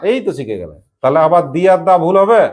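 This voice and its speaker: A teacher giving a classroom lesson, quizzing pupils with repeated questions and briskly praising correct answers. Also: mid-range voice, sing-song, darkish tone, slight background noise.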